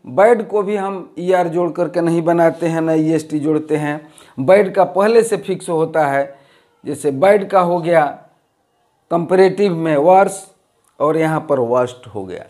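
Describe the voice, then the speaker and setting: A man's voice: high-pitched, darkish tone. A man teaching a grammar lesson, explaining step by step and repeating each rule. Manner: rises on new points, drops at line ends.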